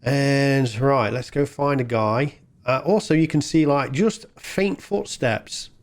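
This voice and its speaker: This gaming video host speaks slowly in a medium-pitched voice. He keeps up casual, colloquial, self-deprecating commentary while he plays, with video game music in the background.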